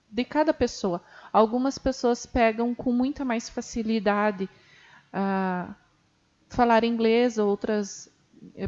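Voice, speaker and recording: A woman's voice: on the high side, darkish tone. A woman, a guest on a podcast, talking earnestly and encouragingly in long run-on sentences. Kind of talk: casual chat. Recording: muffled lo-fi audio.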